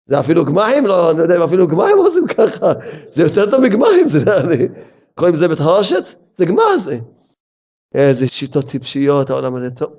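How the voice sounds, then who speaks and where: A man, a rabbi, giving a sermon as a lively story full of rhetorical questions. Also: on the high side.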